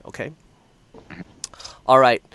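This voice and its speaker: A man acting as game master, improvising narration for a tabletop game in halting, hesitant phrases. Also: a bit bright, no room sound.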